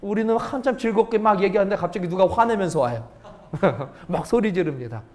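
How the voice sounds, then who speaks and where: High-voiced male pastor preaching. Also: a little fast. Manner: asks the congregation frequent rhetorical questions; lively, shifts between loud emphasis and hushed asides. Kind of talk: sermon. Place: church sanctuary.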